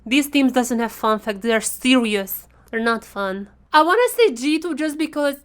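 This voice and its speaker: A woman's voice: high voice, animated, moderate pace. A woman reacting casually to an esports broadcast in a reaction video, opinionated and informal in her talk.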